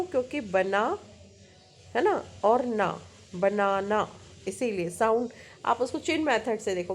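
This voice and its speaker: Indian woman teacher, slow deliberate delivery, slightly high voice, stretches words out. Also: a little mellow. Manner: slow, drawn-out pronunciation of example words; frequent "है ना?" check-ins to the viewer. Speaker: English teacher. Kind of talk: Hindi-English mixed lesson on syllables.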